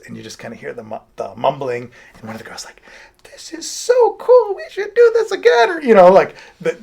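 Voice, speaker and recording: A middle-aged man, a music producer, chatting as an interview guest in an animated, rambling way with many restarts and asides. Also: mid-range voice, vocal fry, breathy edge. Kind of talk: casual interview talk.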